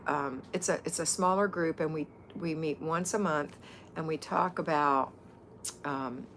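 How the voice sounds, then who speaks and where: A woman's voice: low-pitched, fairly bright tone, slight background noise. A woman hosting a live viewer Q&A, chatting casually and rambling with frequent ums and restarts. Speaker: livestream host answering viewer questions.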